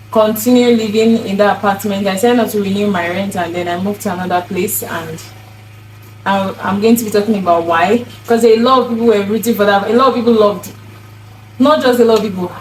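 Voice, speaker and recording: A young woman speaks straight to her viewers at home, her voice ringing in a roomy, echoey space. She tells her story expressively and with dramatic exclamations, at an ordinary middle pitch for a woman. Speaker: vlogger. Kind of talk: casual vlog talk to camera. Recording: echoey room.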